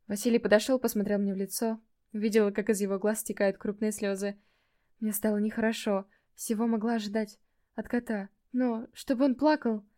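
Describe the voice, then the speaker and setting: A woman narrating a first-person fantasy audiobook, telling it in a measured way, livelier in dialogue and quieter in reflective asides. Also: mid-range voice.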